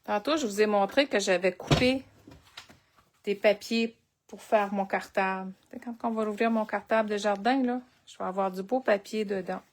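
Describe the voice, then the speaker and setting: A woman's voice: mid-range voice, moderate pace, slight background noise. A woman with a Québécois French accent leading a live crafting tutorial, chatting and thinking aloud as she works. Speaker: crafting instructor.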